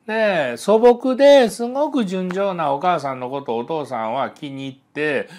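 A man giving a psychology lecture, telling stories in an animated way and voicing the people in them. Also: a little high, normal speed. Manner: animated storytelling, voices the people in his stories. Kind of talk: spoken lecture with acted-out dialogues.

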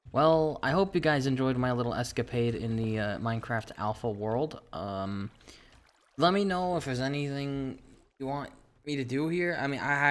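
A man hosting a casual game commentary who swears a lot and swings from panic back to calm. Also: medium pitch. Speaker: gaming channel host. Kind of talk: casual let's-play commentary.

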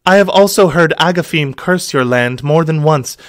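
A man's voice: fairly high pitch, normal speed, a bit bright, no room sound, studio quality, pitched above the performer's own voice, close to an everyday voice. A man putting on a sultry noblewoman. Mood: mock sultry.

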